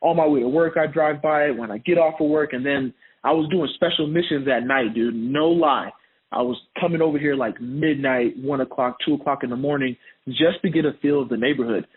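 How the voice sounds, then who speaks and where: A man's voice: mid-range voice, a little fast, breathy edge. A man from Honduras, a podcast guest, chatting casually and laughing often as he tells his story. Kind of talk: casual interview chat. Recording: tinny phone-like line.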